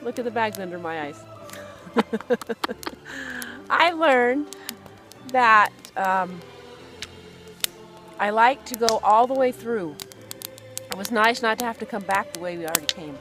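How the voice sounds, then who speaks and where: A woman's voice: fairly high pitch, expressive, slow pace, pauses often, fairly bright tone, faint music behind. Laughing woman hiker chatting. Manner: laughing, self-deprecating, chatty. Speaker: hiking companion being interviewed. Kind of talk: casual on-camera chat. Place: outdoors on a mountain trail.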